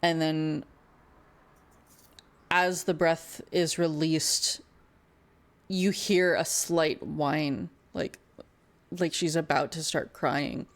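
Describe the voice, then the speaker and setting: A woman running a tabletop fantasy game, narrating descriptively with pauses as game master. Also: low-pitched, fairly even intonation.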